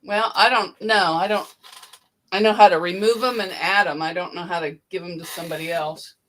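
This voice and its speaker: A woman hosting a casual sewing livestream, briskly reading out viewer names and bid amounts from the chat. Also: fairly low pitch, fairly even intonation, fairly bright tone. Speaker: livestream host. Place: indoor sewing room.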